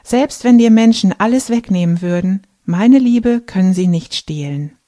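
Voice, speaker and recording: A woman reading the lines of a gentle divine voice that speaks of peace, joy and love, in a solemn storytelling manner. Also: medium pitch, moderate pace, close to an everyday voice.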